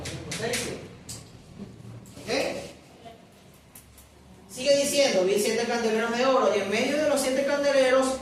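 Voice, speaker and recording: A woman's voice: a little high, distant mic, slight background noise. Woman preaching in a very echoey hall. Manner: slow emphatic scripture reading, asks congregation questions. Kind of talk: sermon. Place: church hall. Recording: very echoey room, voice away from mic.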